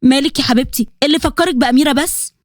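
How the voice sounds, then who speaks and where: A woman's voice: high voice, rapid-fire, dry recording, studio quality, natural voice. A woman voicing a caring middle-aged wife and mother with an Egyptian accent. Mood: coaxing. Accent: Egyptian Arabic. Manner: coaxing, concerned.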